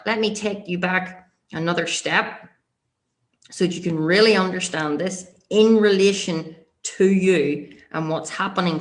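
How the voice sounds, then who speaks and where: A woman with a Northern Irish accent teaching as a motivational coach, speaking emphatically and directly to her listeners and checking in with them. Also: on the low side.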